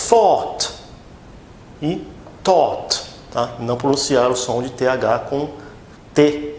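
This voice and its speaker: A man from Brazil teaching English pronunciation, repeating each word slowly and checking in with his students after every few words. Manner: slow, repeats words for drilling, frequent "tá?" and "ok?" checks. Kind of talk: pronunciation lesson. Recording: echoey room with faint rumble.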